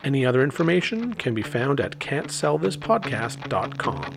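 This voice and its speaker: A man's voice: mid-range voice, very animated, normal speed, gravelly, crowd noise. A man co-hosting a podcast, mostly giving short agreeing replies and reading the closing credits. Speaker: podcast co-host. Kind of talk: casual podcast chat and outro read. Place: Toronto, Canada.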